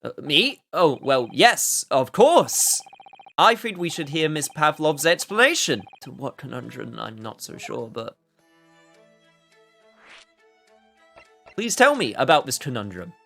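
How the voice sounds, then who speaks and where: A man's voice: mid-range voice, big pitch swings, fairly quick, creaky, hardly any pauses, fairly bright tone, soft background music. A man voicing a hesitant, earnest young male assistant in a video game. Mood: flustered. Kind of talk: video game voice-over read aloud.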